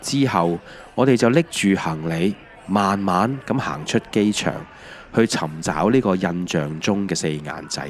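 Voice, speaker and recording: Over background music, a man with a Hong Kong accent and a deep voice narrates a scripted autobiographical audio drama at a measured pace, in a wry, reflective storytelling style. There is a little hiss or hum in the recording.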